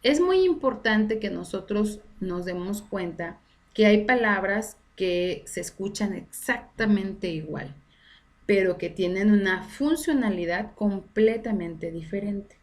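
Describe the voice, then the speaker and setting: A woman's voice: medium pitch, lively intonation, takes it slowly, a little mellow. Woman teacher explaining with tag questions. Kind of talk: recorded online class lecture.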